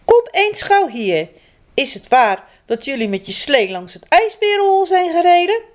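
A woman's voice: on the high side, wildly swooping pitch, moderate pace. A woman voicing stern, cross parents in a children's story, in a scolding manner.

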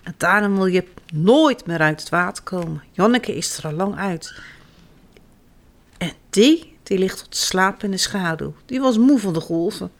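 A woman reading children's stories aloud in an expressive, sing-song way as storyteller. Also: medium pitch, normal speed.

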